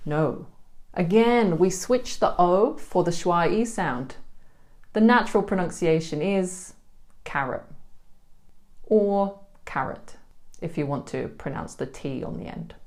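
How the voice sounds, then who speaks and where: British woman teacher, low-ish voice, very slow deliberate delivery, models words for repeating. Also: expressive, a little mellow. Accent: British English. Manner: slow, careful, demonstrating words one by one. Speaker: English pronunciation teacher. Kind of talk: pronunciation lesson.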